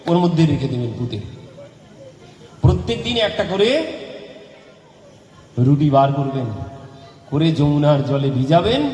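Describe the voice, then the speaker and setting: A man's voice: fairly high pitch, a little mellow. A man giving a devotional sermon as a Bhagavata preacher. He repeats his lines for emphasis and asks rhetorical questions. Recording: echoey hall with faint background noise.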